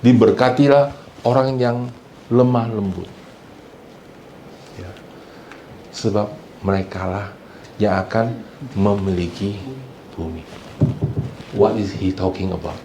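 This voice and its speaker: A pastor in a church hall preaches slowly in a fairly low voice, pausing often, mixing English phrases into his sermon and asking the congregation to respond. He acts out the people he quotes, at times loud and shouting. The audio is poor and reverberant, with slight background noise.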